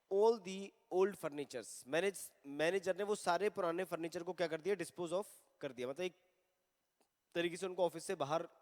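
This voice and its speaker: High-voiced man teaching grammar. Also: long reverb tail. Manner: mixes Hindi and English, reads examples slowly. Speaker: English teacher. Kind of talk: recorded online grammar lesson.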